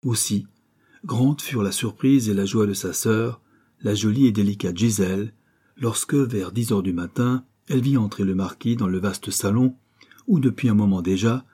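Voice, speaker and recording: Low, husky male audiobook narrator. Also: dark tone. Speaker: audiobook reader. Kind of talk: scripted narration of a classic novel.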